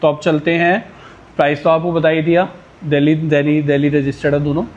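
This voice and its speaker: A man pitching used superbikes in a casual, boastful way, rattling off price countdowns. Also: level tone, a little fast, darkish tone, muffled recording, a little hiss or hum.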